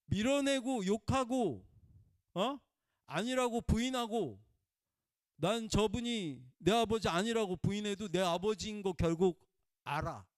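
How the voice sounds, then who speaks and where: A man preaching a conversational sermon in a folksy way, prompting listeners with "eh?" and swinging between loud emphatic bursts and quiet murmurs. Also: sits high, dry recording, studio quality. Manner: folksy, peppers talk with prompting "eh?" to the congregation.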